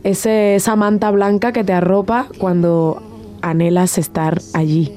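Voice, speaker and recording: A woman with a Venezuelan accent, speaking thoughtfully in a casual interview, pausing and restarting as she searches for words. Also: mid-range voice, fairly even intonation, mellow, soft background music. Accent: Venezuelan Spanish. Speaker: band member and guest.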